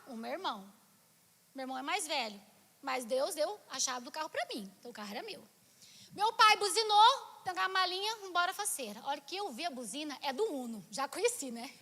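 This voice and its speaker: A woman pastor from Brazil preaching a sermon with a personal testimony, telling her story with feeling and moving from soft passages to loud exclamations. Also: high-pitched. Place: church. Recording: long church hall reverb.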